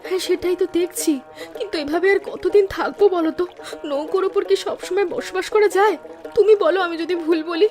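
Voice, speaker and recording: A woman's voice: very high-pitched, brisk, darkish tone. A woman voicing a poor fisherman's wife and mother who talks in an anxious, pleading way. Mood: weary. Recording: music underneath.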